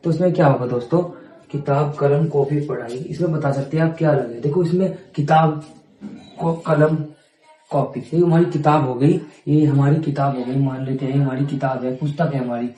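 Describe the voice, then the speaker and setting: A man's voice: fairly high pitch, steady tone, moderate pace, mellow, echoey room. A man teaching an exam-prep reasoning lesson, reading out lists of items and repeating them, checking in often with his viewers. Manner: repeats items aloud, keeps asking "ठीक है".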